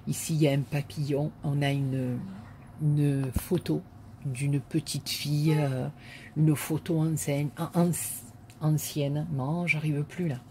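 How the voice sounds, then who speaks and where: A woman's voice: low voice, steady tone, slow, warm tone, slight background noise. A woman vlogger chatting casually to viewers as she unboxes a parcel, gushing and repeating her words of praise with many fillers.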